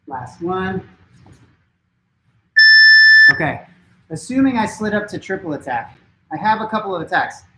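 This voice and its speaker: A man teaching a martial arts class at home, giving brisk step-by-step coaching cues to follow along. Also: high-pitched, big pitch swings, roomy sound, background noise. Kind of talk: live-streamed class instruction. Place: home training room.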